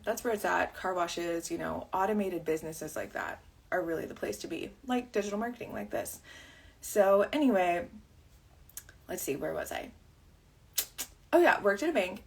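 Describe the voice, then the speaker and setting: A woman in her thirties talks casually on a livestream, wandering into tangents and leaning on fillers. Her voice is husky and breathy, still rough from the morning. It sits at an ordinary middle pitch for a woman. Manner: rambling, chatty, full of fillers and tangents. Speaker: vlogger and wedding videographer.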